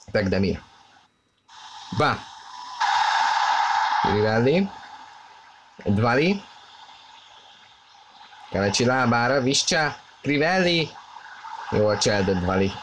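A man giving excited play-by-play football commentary, often in terse bursts of player names. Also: mid-range voice. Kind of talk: play-by-play football commentary over a video game match. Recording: clearly noisy, game stadium ambience behind. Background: video game stadium ambience.

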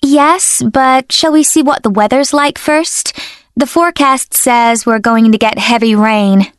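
An actress playing a sensible woman chatting with a friend in an animated, clearly enunciated scripted dialogue. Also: on the high side, unhurried, dry recording, studio quality, close to an everyday voice. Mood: lightly insistent.

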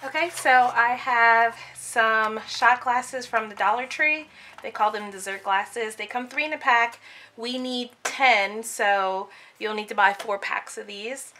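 A woman's voice: on the high side, steady tone, slow, pushed and bright. A woman in her thirties giving casual, step-by-step craft tutorial narration.

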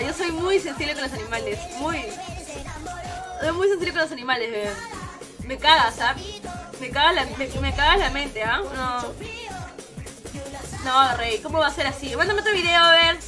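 A woman streaming live, reacting to viewer videos in an emotional, swearing, affectionate way. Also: sits high. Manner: emotional, swears often, calls viewers "baby" and "king". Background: faint children's music.

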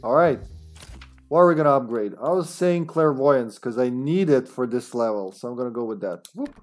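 A man's voice: mid-range voice, lively intonation, moderate pace, a little mellow. A man in his thirties giving casual, rambling, joking and sweary commentary as he plays a video game. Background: faint game music.

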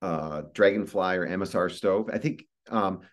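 A middle-aged American man, a guest expert, gives an informal explanatory presentation over a video call from an indoor room. His low voice moves at a moderate pace, conversational and repeating phrases for emphasis, picked up by the call's microphone.

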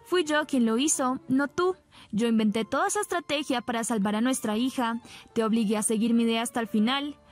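A woman's voice: on the high side, fairly quick, soft background music, close to an everyday voice. A woman reading a pleading remorseful mother. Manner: pleading, apologetic.

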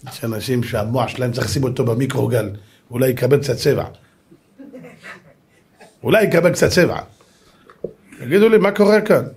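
A man, a rabbi giving a lively sermon and acting out the people in his stories, at times shouting. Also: medium pitch, gravelly, pauses often. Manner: animated, shouts and acts out voices in the stories.

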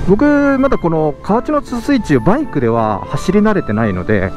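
Out on a moving motorcycle, a motovlog host chats casually at normal speed, his excited, laughing voice veering from loud outbursts to low mutters. He narrates from inside his helmet while road and engine noise mix with background music.

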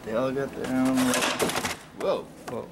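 A man's voice: mid-range voice, little pitch movement, normal speed. A young man, a painting student, showing his work in a studio in a hesitant, offhand way. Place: indoor art studio. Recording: distant from mic, loud room noise.

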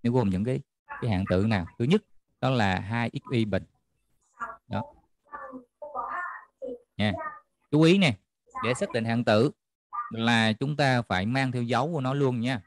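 A man's voice: medium pitch, moderate pace, dry recording. A man tutoring a math class online, checking in often with students as he explains. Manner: checks in often with students, repeating "được chưa?".

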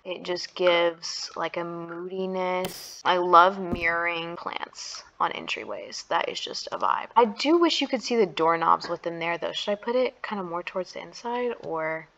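A woman giving casual commentary while she builds in a life-sim game, gushing and excitable, full of slang. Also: on the low side, unhurried, vocal fry, hardly any pauses, dull audio, slight background noise. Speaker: Sims builder and YouTuber.

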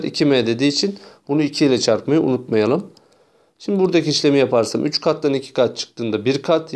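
A man teaching math, working step by step through textbook problems, repeating key steps and addressing viewers directly. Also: medium pitch.

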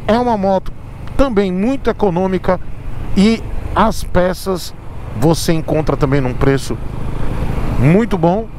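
A man's voice: sits high, measured pace, long pauses, darkish tone. A man with a Brazilian Portuguese accent chatting to viewers while riding a motorcycle through city traffic at night. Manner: chatty, addresses viewers as galera. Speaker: motovlogger. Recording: outdoor traffic and wind noise.

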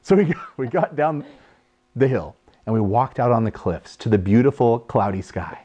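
A man in his thirties telling a funny personal story in a jokey, animated way, acting out voices. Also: medium pitch, moderate pace. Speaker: host. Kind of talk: casual storytelling.

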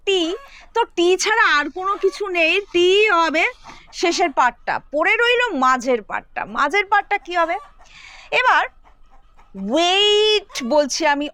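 A woman's voice: extremely high pitch, bright, forceful tone, no echo. A woman with a Bengali accent teaching children English spelling, patiently sounding out words step by step. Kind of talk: explaining spelling rules to children.

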